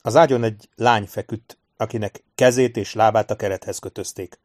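A man reading a novel aloud as audiobook narrator in a steady, measured way. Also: fairly low pitch, dry recording, clean studio sound. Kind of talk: scripted narration of a war novel.

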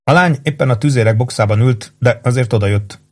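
Male audiobook narrator. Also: medium pitch. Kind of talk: scripted novel narration.

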